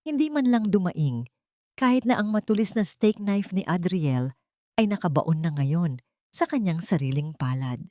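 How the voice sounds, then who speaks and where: Narrating a scripted, dramatic audiobook story, this Filipino-accented woman speaks in a fairly low, slightly mellow voice. The sound is dry and clean, straight from the studio.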